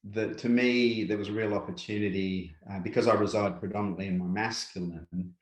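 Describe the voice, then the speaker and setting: An Australian man with a lowish voice talks through ideas in an unhurried, reflective way, often dropping in "yeah" and "yep". His voice carries a noticeable room echo. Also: fairly even intonation. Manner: unhurried, filler-heavy, repeats "yeah" and "yep". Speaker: guest speaker, workshop presenter. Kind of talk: reflective conversational interview.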